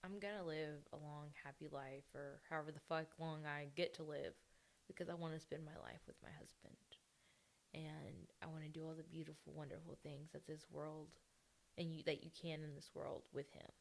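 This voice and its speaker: Gravelly low-voiced woman venting bluntly. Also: fairly even intonation, moderate pace. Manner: blunt, heavily profane venting. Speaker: podcast host. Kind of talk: candid personal monologue.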